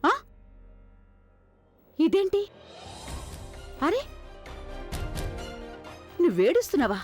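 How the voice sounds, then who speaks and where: A woman's voice: very high-pitched, sing-song, very slow, a little mellow, soft background music, full character voice. A woman dubbing a tender older grandmother in a TV serial, coaxing and comforting. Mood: soothing. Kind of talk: dubbed TV serial drama.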